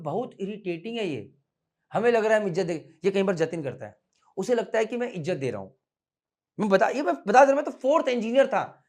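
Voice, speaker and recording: A man in his thirties teaching students in a classroom, mixing Hindi and English, switching between fast and slow, loud and soft speech. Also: sits high. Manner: mixes Hindi and English freely, scolds playfully. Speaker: merchant navy coaching instructor. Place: classroom with students standing behind.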